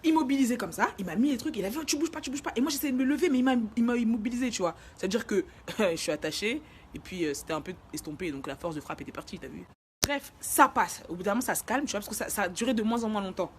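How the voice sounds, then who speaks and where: Fast-talking young woman telling a story. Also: medium pitch, expressive, a little hiss or hum. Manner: slangy, rapid storytelling that acts out shouted moments. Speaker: vlogger telling a personal story. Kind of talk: casual story time.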